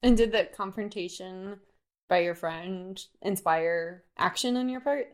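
A woman hosting a podcast conversation, asking measured, thoughtful questions. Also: mid-range voice. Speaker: podcast host. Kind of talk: casual conversation.

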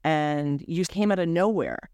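A woman's voice: deep voice, animated, measured pace, darkish tone, no echo. A woman hosting a podcast interview, chatty and enthusiastic. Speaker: podcast host.

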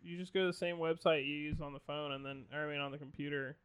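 A man co-hosting a gaming podcast in casual chat, sometimes reading a text aloud quickly. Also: a little high, fairly even intonation, fairly bright tone. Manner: reads aloud quickly, laughing. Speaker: podcast co-host.

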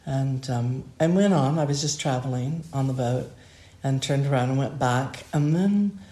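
An older woman, a podcast co-host, musing in a relaxed, rambling way with restarts. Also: a bass voice, moderate pace. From United States. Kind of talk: relaxed conversation. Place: home by a fireplace. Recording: roomy echo.

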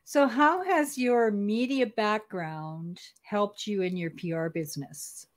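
A woman's voice: mid-range voice, slow pace. A woman hosting an interview, reading an introduction and asking short questions. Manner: reads the intro, then asks short questions. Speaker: podcast host.

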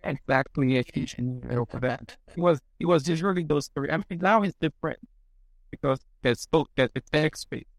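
A man, a podcast guest who speaks in a halting, thoughtful way with many restarts. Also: a little high, no room sound, low-quality recording. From Nigeria. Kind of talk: casual interview.

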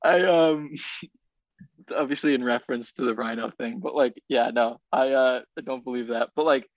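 Young male podcast co-host, halting and filler-heavy, dull dry recording. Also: medium pitch, dry recording. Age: young adult. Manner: halting, many fillers and restarts, laughs often. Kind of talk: casual podcast chat.

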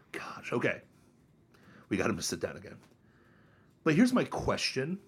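A man in his thirties rants on a podcast with a husky, slightly breathy voice. His pitch jumps around a lot. He mocks people by mimicking them. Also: measured pace. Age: 30s. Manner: animated, mocking, mimics others in high voices. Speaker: podcast co-host. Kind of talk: casual opinion chat.

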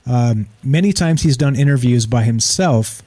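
A man with a medium-pitched, relaxed and mellow voice hosts a talk show. He speaks informally and opinionatedly, circling back over phrases for emphasis and tossing in rhetorical questions. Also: moderate pace. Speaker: talk show host taking calls and chat.

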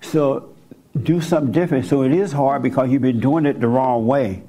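A man's voice: medium pitch, fairly even intonation, moderate pace, mellow. A man leading a group as a spiritual teacher, speaking bluntly and colloquially while taking questions. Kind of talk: informal teaching with audience questions.

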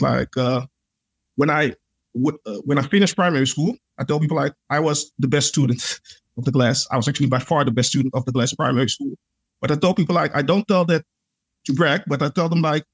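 Speaking with a fairly high, creaky voice with a breathy edge, a Dutch adult man appears as a podcast guest. In conversational interview storytelling he recounts his own experiences earnestly and reflectively, using "like" as a filler again and again.

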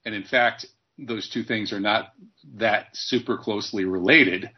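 A male host with a low, husky voice talks in a measured, explanatory way during an interview. He lays his points out like a lecture. The audio is dull and lo-fi, like a call recording. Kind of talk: interview conversation.

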